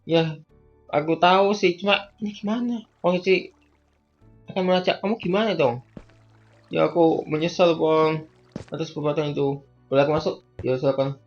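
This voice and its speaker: Man voicing a whole game skit. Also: a little high. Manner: quick back-and-forth, jumps between characters, bursts of excited shouting. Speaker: content creator voicing all characters. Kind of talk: Minecraft role-play skit dialogue. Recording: dull lo-fi audio with faint background music.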